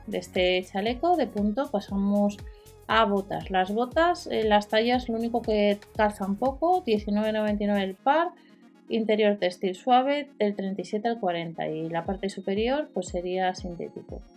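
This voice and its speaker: A woman narrates a shopping-deals rundown in an even middle pitch. She lists prices, sizes and features one after another, with the odd "eh" and "pues". Faint music plays underneath her voice-over. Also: moderate pace. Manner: listing prices and specs with fillers. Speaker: deals channel host. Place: voice-over over screen recording.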